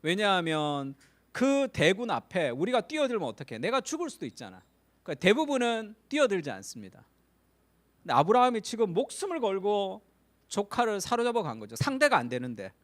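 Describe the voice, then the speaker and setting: Lively high-voiced male pastor preaching. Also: fairly quick. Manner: animated storytelling, acts out quoted voices. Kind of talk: Sunday sermon.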